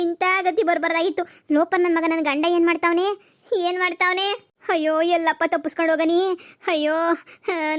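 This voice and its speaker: A hot-tempered cartoon village wife, voiced by a woman, speaks in a very high, shrill voice. She scolds and curses one moment and pleads the next. She is easily frightened, and her temper runs hot. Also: a bit bright. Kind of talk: cartoon voice acting.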